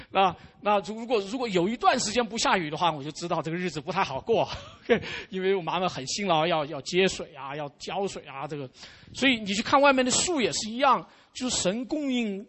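A man's voice: on the high side, fairly bright tone, slightly rough. A man giving a conversational sermon to a congregation, often tagging "OK" and restarting his sentences. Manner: informal, peppers sentences with "OK", frequent restarts. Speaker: preacher. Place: church congregation.

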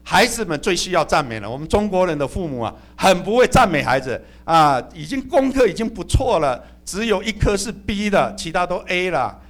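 A middle-aged man preaching a sermon as pastor, humorous and animated, often calling out amen and hallelujah. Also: sits high, fairly quick, few pauses.

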